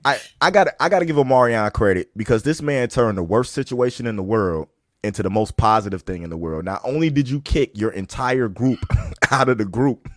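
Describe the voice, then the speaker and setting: A man co-hosting a casual podcast, telling stories in an animated way with many restarts. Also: mid-range voice, a little fast, dry recording. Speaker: podcast co-host. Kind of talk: casual chat.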